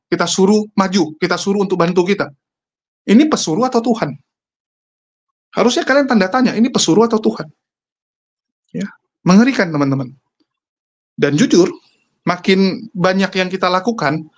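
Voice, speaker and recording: A man giving casual, argumentative commentary to his viewers, mocking his opponents. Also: high-pitched.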